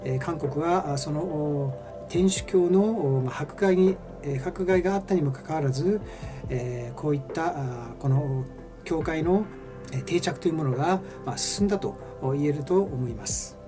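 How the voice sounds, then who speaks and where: A man hosting a history channel, explaining in a halting lecture style full of drawn-out fillers. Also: on the high side, over music. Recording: dull lo-fi sound.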